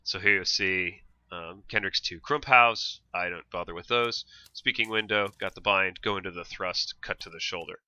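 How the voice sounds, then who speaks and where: A man giving casual explanatory video commentary on his own fencing footage, halting and thinking aloud step by step. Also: low voice, pushed and bright, smooth, dry recording. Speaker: fencer reviewing own sparring footage. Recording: slightly dull, lo-fi, dry sound.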